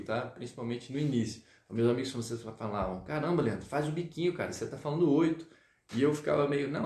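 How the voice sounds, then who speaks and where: A man from Brazil teaching a live online French lesson, drilling pronunciation with slow repetitions. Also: mid-range voice, roomy sound. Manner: lively, repeats words slowly and drills pronunciation.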